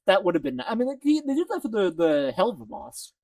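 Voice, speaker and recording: Excitable, gravelly fast-talking man. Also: sits high, dry recording, distant mic, poor audio. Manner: excitable, gushing, quick talker. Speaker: podcast co-host. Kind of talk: casual fan chat.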